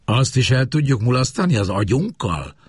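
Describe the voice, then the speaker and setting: A man's voice: medium pitch, big pitch swings, husky, dry recording, studio quality, voice pushed up. A man voicing a blunt, scornful middle-aged father. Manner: scornful, mocking.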